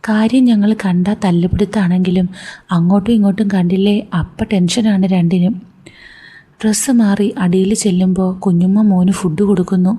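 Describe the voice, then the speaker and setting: Mellow, breathy woman narrating a story. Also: mid-range voice, fairly even intonation, moderate pace. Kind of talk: first-person story narration.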